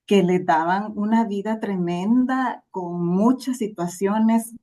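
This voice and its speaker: Speaking slowly in a dark, medium-pitched voice, a woman from El Salvador recounts her life as a podcast interview guest. Her storytelling is earnest and reflective.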